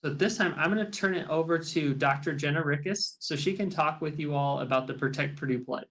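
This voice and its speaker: A man on a video call reads off practical updates for arriving students in a friendly way. His voice sits a little high for a man and carries a gravelly fry. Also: fairly quick, fairly bright tone, rough recording. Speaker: staff organizer giving updates. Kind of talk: informational webinar updates.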